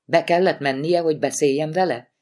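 A woman reading an audiobook voices a sharp, irritated wife who heads a medical examiner's office, with a clipped, reproachful delivery. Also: low-pitched, close to an everyday voice.

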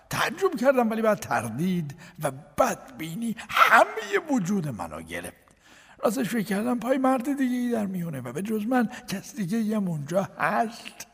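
An actor playing a male court minister in a radio drama, confessing his past in a soft, halting voice. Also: high-pitched, wildly swooping pitch, slightly rough, heavily acted. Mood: anguished. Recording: long hall reverb.

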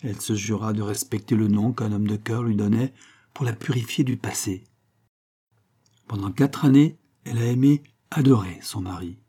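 A man's voice: on the low side, normal speed, dark tone, slightly rough. A man voicing a scheming woman posing as a countess in an audiobook, speaking in a theatrical, pleading manner. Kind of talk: audiobook character reading.

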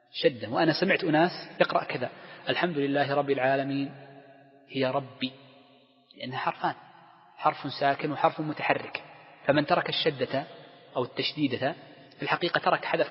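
A man teaches a class on Islamic law at a brisk, rapid clip. He walks through each point and throws rhetorical questions at his students. The sound is muffled and lo-fi, with a long reverb trailing off each phrase as if in a large hall. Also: a little high. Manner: explains step by step, asks the class rhetorical questions. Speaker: Islamic scholar teaching a text.

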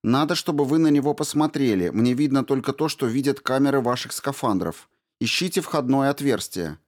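A man voicing an urgent, commanding female mission doctor in an audiobook, higher than his own voice. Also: lively intonation, fairly quick, lightly acted. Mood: urgent brisk. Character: brisk female mission doctor giving orders.

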